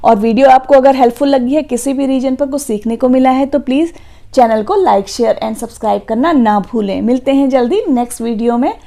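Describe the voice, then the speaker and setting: A woman's voice: sits high, brisk, gravelly, warm tone. A woman teaching a phonics lesson for children, spelling words letter by letter and answering her own questions.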